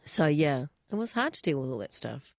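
A woman recalling things candidly in an interview, halting and earnest. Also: low voice, sing-song, creaky, no echo, studio quality. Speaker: actor being interviewed.

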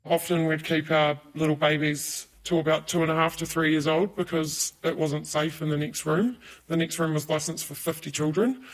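An anonymous female teacher, speaking in an interview through an electronically altered, disguised deep voice, blunt and emphatic. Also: rough recording. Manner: blunt, emphatic, repeats key words. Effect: voice electronically altered, pitched down to a disguised deep voice. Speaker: early childhood teacher.

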